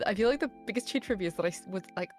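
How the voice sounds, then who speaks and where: A woman's voice: mid-range voice, animated, racing, soft background music. A woman guest on a podcast in casual chat, with a playfully whiny manner and dry jokes.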